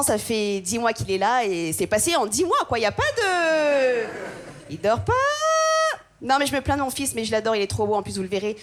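Une jeune femme humoriste de France, qui fait un spectacle de stand-up, racontant vite et de façon animée en imitant d'autres personnes. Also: female voice, on the high side. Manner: quick, animated, acts out voices of others. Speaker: stand-up comedian. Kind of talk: stand-up comedy set.

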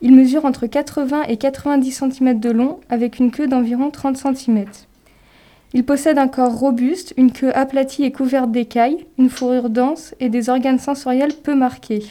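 A woman's voice: high-pitched, steady tone, normal speed, mellow. A woman co-presenting a nature radio programme, reading scripted, informative narration.

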